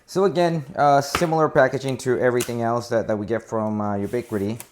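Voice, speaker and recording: A fast-talking installer with a medium-pitched voice and fairly even intonation gives an unscripted, casual walkthrough of a product. He hesitates and often corrects himself by repeating words, while clicks, handling clatter and noise fill the recording.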